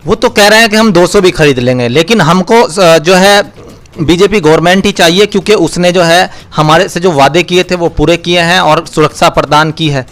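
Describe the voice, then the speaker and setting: High-voiced male news reporter. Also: moderate pace, fairly bright tone. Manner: hesitant, with fillers. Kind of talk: field news interview.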